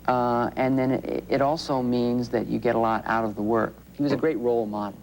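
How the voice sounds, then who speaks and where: Reflective man, halting interview speech. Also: medium pitch, steady tone, darkish tone, faint music behind, rough recording. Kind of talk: casual interview.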